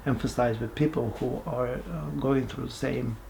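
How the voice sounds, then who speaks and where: A man, giving a halting, reflective personal testimony with many pauses and restarts. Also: mid-range voice, steady tone, vocal fry, dark tone, slight background noise. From Bulgaria. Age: 40s. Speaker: person sharing his life story.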